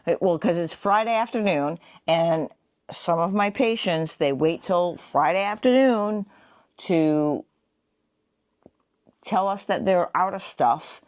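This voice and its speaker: A woman co-hosting a travel vlog, telling stories in an animated, laughing way. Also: on the low side, takes it slowly, no echo, clean studio sound. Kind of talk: casual travel chat.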